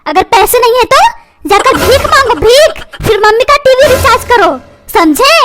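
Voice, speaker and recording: A woman's voice: very high-pitched, very animated, moderate pace, over loud music. A woman voicing a cheeky, whiny young schoolboy son in a cartoon. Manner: cheeky, whiny, repeats words for effect. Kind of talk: cartoon comedy voice acting. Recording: loud background noise.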